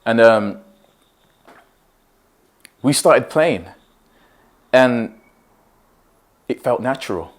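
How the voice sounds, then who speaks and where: A man, a saxophonist, speaking in a thoughtful, unhurried way in a documentary interview. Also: medium pitch, animated.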